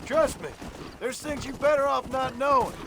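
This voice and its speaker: A guarded gunslinger speaks in curt, dry words with a high pitch. Faint game ambience sits behind him. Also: male voice, fairly even intonation, normal speed, gravelly, background noise. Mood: terse. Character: terse, guarded gunslinger, married man.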